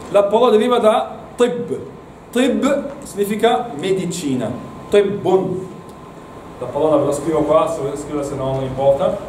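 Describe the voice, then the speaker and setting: A man's voice: on the high side, expressive, moderate pace, a little mellow, a little hiss or hum. A man teaching an Arabic class to students, encouraging and repeating words, recorded from across an echoey classroom. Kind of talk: classroom lesson. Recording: echoey room, mic far off.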